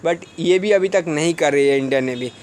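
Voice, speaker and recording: High-voiced man giving earnest advice. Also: a little fast, a little mellow. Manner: earnest, exhorting, rhetorical questions. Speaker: defence exam coaching teacher. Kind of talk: casual advice vlog to students.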